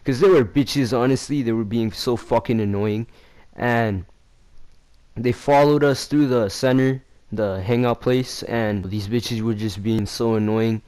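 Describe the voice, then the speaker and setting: A young man in a casual vlog telling a story in slangy, profane, rambling talk. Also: a little slow. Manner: acts out quoted lines in a louder, higher voice. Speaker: vlogger.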